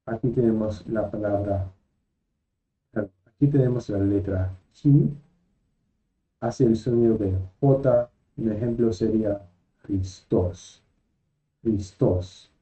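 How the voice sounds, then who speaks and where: Male teacher, patient, repeats each example, very dark mellow tone, dull lo-fi sound. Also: fairly low pitch, slow, long pauses. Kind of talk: slow lesson, spelling out letters and sounds.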